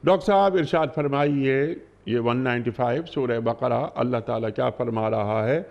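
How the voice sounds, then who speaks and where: A man's voice: medium pitch, vocal fry. A man from Pakistan hosting a religious TV program in a formal, polite manner, reading out quiz questions and contact numbers. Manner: polite, formal address to guest. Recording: dull lo-fi broadcast audio.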